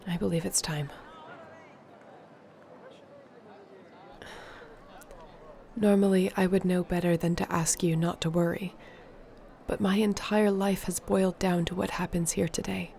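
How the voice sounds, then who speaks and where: In a solemn intimate audio roleplay, a woman voices a determined, earnest sorceress, measured and softly formal in her speech. The voice is lowish, level and gravelly, with a little hiss or hum in the background.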